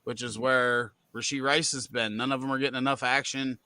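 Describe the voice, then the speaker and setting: A man's voice: medium pitch, fairly even intonation, a little fast, sharp tone, clean tone. A man co-hosting a live fantasy football Q&A, reading viewer questions in an easygoing way with fillers. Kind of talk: casual live Q&A chat.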